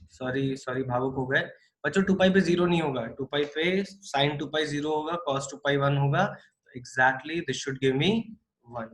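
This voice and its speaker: A man teaching a math class online, coaxing and joking with his students as he works through problems. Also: medium pitch. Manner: animated, coaxing students, calls them kids. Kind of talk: live online class lecture.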